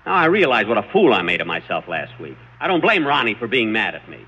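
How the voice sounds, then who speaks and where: A man's voice: on the low side, huge pitch swings, quick pace, breathy edge, full character voice. An actor in a 1940s radio sitcom, playing a vain, easily flustered middle-aged male star with an exasperated, fussy way of scolding. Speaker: comedy star of a radio show, playing himself. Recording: muffled 1940s radio broadcast with loud hiss.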